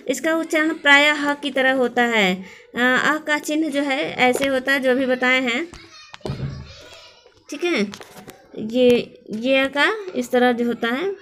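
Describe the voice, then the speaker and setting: A woman teaching a grammar lesson, slowly spelling out sounds letter by letter and often checking that her students follow. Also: high-pitched, fairly bright tone.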